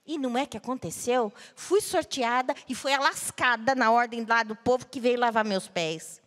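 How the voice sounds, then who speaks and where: Woman telling a dramatic story in a hall. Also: moderate pace. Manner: dramatic, swings between loud outbursts and hushed low tones. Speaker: guest speaker at a panel talk. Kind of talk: personal storytelling to an audience. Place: large hall at a cultural center. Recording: long hall reverb.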